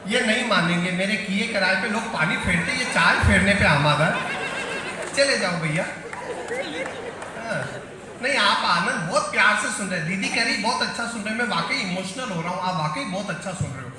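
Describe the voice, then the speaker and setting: A man's voice: high voice, expressive, moderate pace, noisy background. A man performing as a satirical poet in a live comic poetry recital, bantering with the audience on stage. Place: large hall on stage. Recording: echoey hall, faint crowd.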